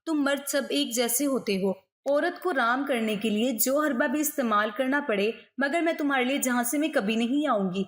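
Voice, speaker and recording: A woman doing a sharp, scolding woman. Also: high-pitched, few pauses, close to an everyday voice. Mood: scornful. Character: proud older woman, scornful of a suitor.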